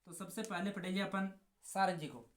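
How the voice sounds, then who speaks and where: A woman teacher, giving an exam-prep lesson and slowly drilling each word by repeating it. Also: on the low side, roomy sound. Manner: slow, drawn-out repetition of words, drilling.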